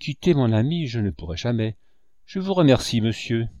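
A man's voice: mid-range voice, sing-song, moderate pace, warm tone, dry recording, lo-fi sound, lightly acted. A man voicing a clever, eager young boy musician who speaks politely and earnestly in an audiobook. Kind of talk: audiobook character voice.

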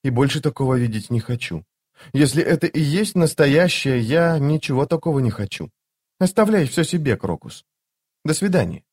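A man voicing a sharp-tongued, haughty young noblewoman in an audiobook, speaking with scorn. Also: medium pitch, very animated, normal speed, breathy edge, voice pushed up. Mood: quiet, sad. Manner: scornful, scolding.

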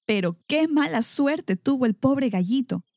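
A woman narrating a children's story aloud in an expressive, animated manner. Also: sits high, unhurried, no room sound, studio quality.

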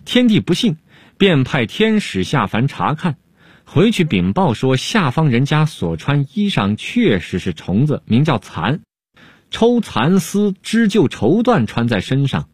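A male storyteller puts on a sly old-court jester with a husky, lively voice. He draws out his words and teases without hurry. The sound is close and dry. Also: fairly low pitch, normal speed, no echo. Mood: pleading.

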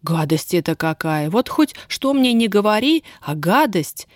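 A woman reading an audiobook, voicing a proud, poor young Roma woman who scolds and then coaxes softly. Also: mid-range voice, big pitch swings, measured pace, dry recording, clean studio sound. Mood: angry. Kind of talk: audiobook character voice.

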